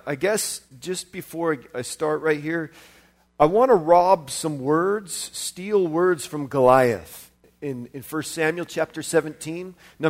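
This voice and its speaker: A man preaching a sermon as a visiting preacher, impassioned, repeating his phrases and building up to shouts. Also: fairly high pitch.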